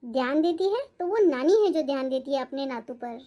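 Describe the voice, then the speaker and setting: Polite, pointed daughter-in-law. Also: female voice, high voice, lively intonation, a little fast, dark tone, dull audio. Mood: complaining. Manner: respectful yet persistent, explaining her grievance. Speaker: daughter-in-law in a family cartoon. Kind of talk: cartoon voice acting.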